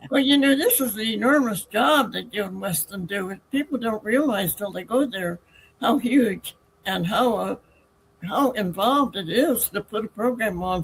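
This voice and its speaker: A woman hosts a relaxed interview, speaking in an effusive, chatty way. A faint ambient hum runs underneath. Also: medium pitch, rough recording. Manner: warm, effusive, laughs along with guests. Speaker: talk show host. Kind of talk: casual interview chat.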